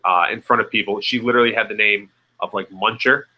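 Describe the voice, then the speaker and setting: A young man co-hosting a podcast, speaking conversationally with hesitant pauses. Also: lowish voice, fairly even intonation, sharp tone, rough recording. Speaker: podcast co-host. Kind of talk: casual chat.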